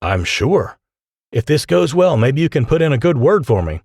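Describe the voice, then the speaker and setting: Eager, slightly unsure young male physicist, as a narrator puts him on, animated, dry close sound. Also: mid-range voice, moderate pace, husky, no room sound, voice pushed up. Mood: earnest.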